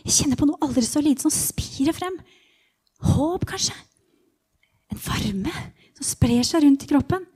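A blind beggar man , voiced by a woman, thinks aloud in a hushed first-person monologue, often slipping into a whisper. The voice sits high. It belongs to a guided Bible meditation. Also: expressive, long pauses. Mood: hopeful. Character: blind male beggar longing to be healed.

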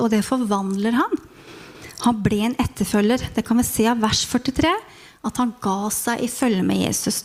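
Woman, preacher, sermon, fairly high pitch, calm reflective delivery. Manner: expressive storytelling, then calm reflective preaching. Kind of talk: sermon with first-person dramatization.

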